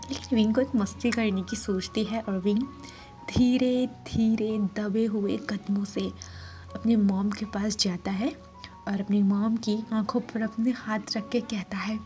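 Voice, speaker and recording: Woman narrating a fan story, mellow voice. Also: mid-range voice. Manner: switches between narration and soft quoted lines. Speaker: fanfiction storyteller. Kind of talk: reading a fan story aloud, voicing all characters.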